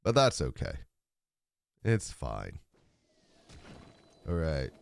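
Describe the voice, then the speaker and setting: A man streaming live gameplay, talking and rambling to his chat, with a deep, raspy voice from a rough throat. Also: wildly swooping pitch, very slow, slight background noise. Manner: rambling, humming along while playing.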